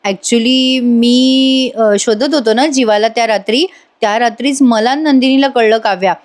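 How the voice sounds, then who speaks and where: A woman's voice: a little high, normal speed, close to an everyday voice. A woman voicing a sheepish young husband who answers hesitantly.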